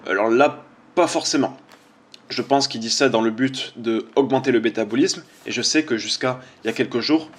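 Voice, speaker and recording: A man, a fitness coach giving casual, chatty commentary on social media posts, informal and full of fillers. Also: medium pitch.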